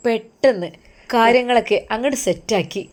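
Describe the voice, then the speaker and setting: A woman's voice: fairly high pitch, a little fast, natural voice. Motherly older lady, coaxing and bossy, malabar malayalam accent, narrator puts her on.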